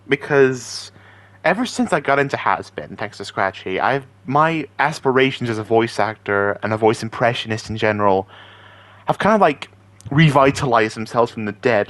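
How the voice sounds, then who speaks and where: In a dry recording, a man with a mid-range voice hosts a video as an amateur voice impressionist. He chats casually with viewers, rambling and poking fun at himself.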